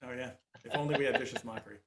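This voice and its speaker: A man running a tabletop game as game master, talking in halting bursts full of fillers and restarts. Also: medium pitch, a bit bright, reverberant.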